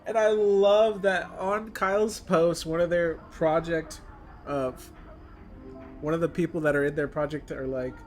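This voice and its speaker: Here a streamer plays through a visual novel, chatting in loose, slangy fan style over clearly audible background music. He speaks on the high side with a darkish tone, measured in pace and fairly even in intonation.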